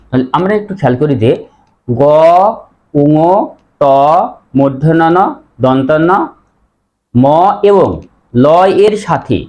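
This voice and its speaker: Male teacher, slightly raised pitch, patient drilling delivery, asks the class questions. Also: darkish tone. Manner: repeats words slowly and asks students questions. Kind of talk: pronunciation lesson.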